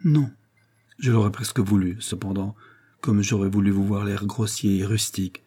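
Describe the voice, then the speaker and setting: A man voicing a gentle, sorrowful older mother who speaks softly and gravely, in an audiobook reading. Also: fairly low pitch, steady tone. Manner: soft, grave, measured.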